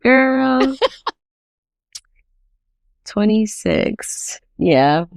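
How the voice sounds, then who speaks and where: A woman's voice: fairly high pitch, big pitch swings, very slow, vocal fry, no room sound, clean studio sound. A woman in her late twenties co-hosting a casual podcast, chatty and playful with slang. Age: 20s. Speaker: podcast co-host. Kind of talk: casual chat.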